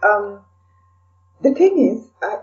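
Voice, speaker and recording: This middle-aged Kenyan-accented woman talks slowly in a mid-range, sing-song voice. As a podcast guest who blogs and podcasts, she answers questions in a musing, hesitant style, often saying "you know." Sound is dull and lo-fi, picked up by a far-off mic.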